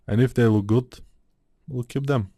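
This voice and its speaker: A man's voice: medium pitch, steady tone, normal speed, warm tone, no room sound. Man, Eastern European accent, casual tutorial talk, rambling, dry close sound. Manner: chatty, meandering, thinks aloud with many fillers. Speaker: 3D modeling tutorial maker.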